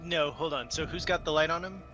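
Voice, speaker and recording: A man's voice: on the high side, brisk, sharp tone, dull audio, soft background music. A man acting as game master, casually narrating a tabletop game and explaining it to players.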